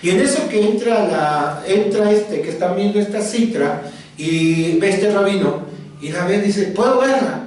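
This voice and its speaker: A high-pitched male pastor, telling a story in his sermon and leaning on dramatic repetition. He is recorded from a distance, and his voice rings through a very echoey church hall. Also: measured pace, a little mellow, slight background noise.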